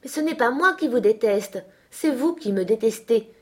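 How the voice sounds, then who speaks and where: A woman's voice: fairly high pitch, normal speed, a little mellow, pitched above the performer's own voice, natural voice. A woman reading a French audiobook and voicing a moody, petulant young woman who pleads and begs. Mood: tearful. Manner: pleading and imploring. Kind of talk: audiobook character voice.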